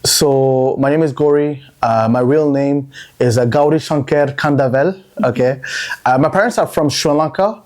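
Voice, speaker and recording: A man from Montreal, Canada, appears as a guest on a casual podcast interview, telling his story as an entrepreneur. His voice is mid-range and darkish at a normal speed, and he talks in a chatty, looping way, repeating words.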